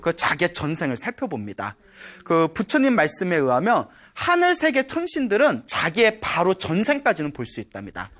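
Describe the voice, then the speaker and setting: A man's voice: high voice, huge pitch swings, normal speed, hardly any pauses, a bit bright. A man, a Buddhist monk, giving a sermon and telling a story, acting out the characters and often checking in with his audience.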